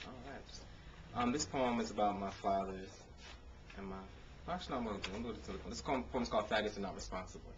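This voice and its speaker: In a lowish voice with a steady tone, an American man reads spoken word poetry quickly, phrasing lines expressively and with emphasis between casual introductions. The audio, captured on a camcorder mic, is dull and noisy.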